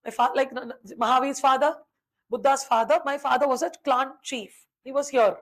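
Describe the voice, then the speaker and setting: A woman's voice: high-pitched, fairly even intonation, moderate pace, poor audio. A woman history teacher, telling a story in a lecture and acting out the characters' dialogue.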